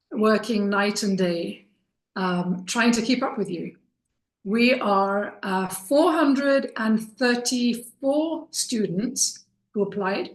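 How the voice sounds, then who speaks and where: Telling her story with deliberate pauses, a middle-aged woman from Kenya introduces herself informally as a course instructor, her manner earnest. The recording has room echo, and her voice falls in the mid range.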